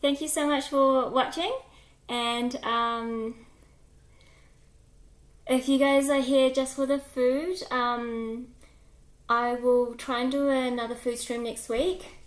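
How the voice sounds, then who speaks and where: A woman's voice: high-pitched, fairly even intonation, slow, long pauses, echoey room, rough recording. A woman live-streaming from her home kitchen, chatting casually and greeting viewers by name.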